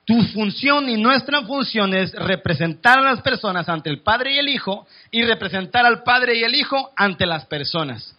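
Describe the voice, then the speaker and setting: A man's voice: sits high, lively intonation, moderate pace, few pauses, lo-fi sound. A male pastor with a Mexican accent, preaching a sermon in a church in a chatty style that keeps checking in with the congregation. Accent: Mexican Spanish. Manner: conversational preaching, asks "¿me explico?".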